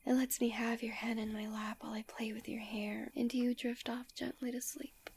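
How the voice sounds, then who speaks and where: A woman voicing a doting, possessive fox-spirit wife in a soft, breathy whispered role-play, speaking gently, intimately and soothingly. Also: on the high side, flat delivery, moderate pace. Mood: soothing, affectionate.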